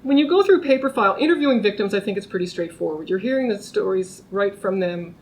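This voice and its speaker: In a lunch seminar room, a middle-aged woman who teaches criminology talks informally to a small group, restarting often and lifting her voice so everyone hears. She speaks fast in a mid-range, darkish voice with lively intonation. The recording is rough.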